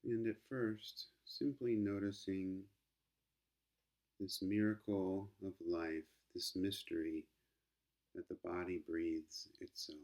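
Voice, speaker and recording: A man with a low-sitting voice leads a guided meditation as a teacher, speaking gently and calmly with long, unhurried pauses.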